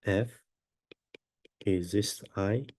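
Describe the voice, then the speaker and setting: A man lecturing on a mathematical proof step by step, with a stuffy nose from a cold and a halting, deliberate delivery. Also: on the low side, darkish tone.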